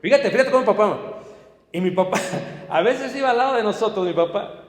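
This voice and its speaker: A man's voice: high-pitched, expressive, brisk. Guy preaching a sermon, storytelling, roomy echoey church sound. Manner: storytelling, addresses congregation directly. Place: church hall.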